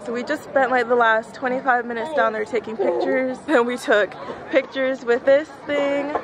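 Upbeat high-voiced young woman vlogging outdoors. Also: steady tone, moderate pace, loud music behind the voice, a loud crowd. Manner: chatty, upbeat, addresses viewers. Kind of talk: casual travel vlog. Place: outdoors in a busy city. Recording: noisy street with crowds.

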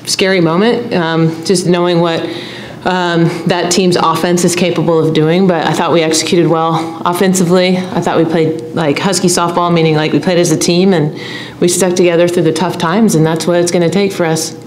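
A middle-aged woman coach speaks into a table microphone at a press conference, her voice low and her answers measured and steady. The room is echoey, and a faint hum sits underneath. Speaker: head coach. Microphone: table mic.

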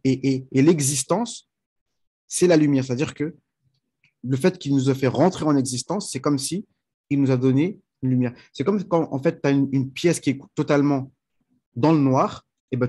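Husky-voiced man teaching a religious lesson. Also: medium pitch, mellow. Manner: explains patiently with everyday examples, checks understanding often; reads Arabic phrases slowly before translating them. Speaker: teacher of Arabic rhetoric.

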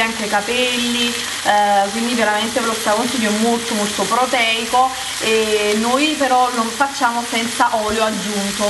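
Her voice is fairly high, against heavy background noise. This cooking channel host, a woman in her thirties, chats with enthusiasm in her home kitchen, doubling up words for emphasis, while music plays in the echoey room.

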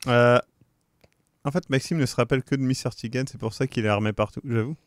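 A man's voice: medium pitch, steady tone, brisk, no echo, studio quality. A man in his thirties hosting a casual, joking livestream, reading comments aloud and swearing casually. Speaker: game master and streamer.

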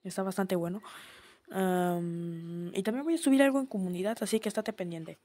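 A woman giving let's-play commentary as a gaming host, excitable, yelping and laughing when startled. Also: mid-range voice, moderate pace.

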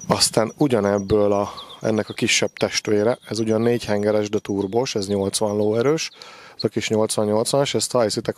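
A man in his forties with a low, slightly mellow voice deals in farm machinery. Out in a gravel yard, holding a microphone with a windscreen, he gives an unscripted sales walkthrough of his stock, speaking hesitantly and repeating phrases.

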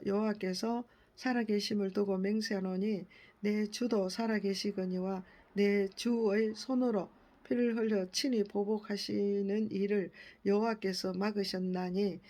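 Woman at mid pitch leading a Bible reading. Reads carefully, fixes her slips, and explains gently. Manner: careful reading with frequent self-corrections. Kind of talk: reading scripture aloud with commentary.

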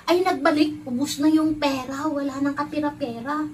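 A woman voicing a chatty household servant who passes on news excitedly in a children's Bible story. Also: high voice, normal speed, recorded from a distance, slight background noise, natural voice.

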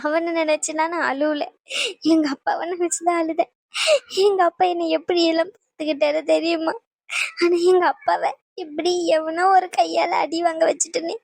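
A woman's voice: very high-pitched, little pitch movement, normal speed, vocal fry, darkish tone, no echo. Woman playing a tearful, self-blaming young woman. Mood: guilty. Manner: guilty, sobbing.

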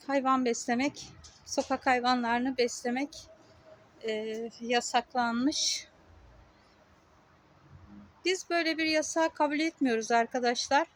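A woman with a high voice talks straight to her camera outdoors. She is indignant and emphatic, and she hammers her point home in short, repeated phrases. Her tone is plain and conversational. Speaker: vlogger. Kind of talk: casual talk to camera. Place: outdoors on a street.

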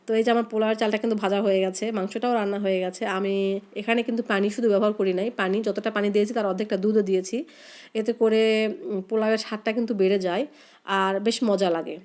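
Hoarse, fast-talking woman with a cold. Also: medium pitch, steady tone, a little mellow. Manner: chatty, heartfelt, rambling storyteller. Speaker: cooking vlogger. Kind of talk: casual chat while cooking.

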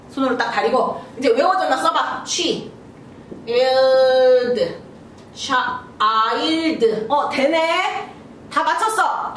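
A woman teaching a basic English lesson, who sounds out syllables slowly and acts out her students' questions. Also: high voice, recorded from a distance. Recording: echoey room, voice from off mic, faint noise.

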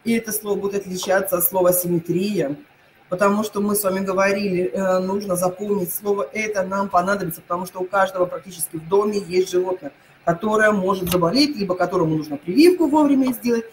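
A woman teacher giving an online lesson, repeating each word pair slowly and hesitating often. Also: mid-range voice, slight background noise, poor audio.

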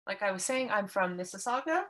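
Over a video call, a woman from Canada teaches a paper craft workshop, explaining every step with patience and warmth. She talks fairly quickly at a medium pitch, with lively intonation.

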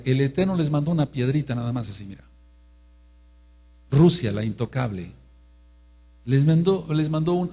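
A man preaching a sermon, with a dark, husky voice. His delivery is emphatic and repetitive, dropping low and quiet, then rising loud to drive a point home. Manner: emphatic, repetitive, swings between hushed and loud.

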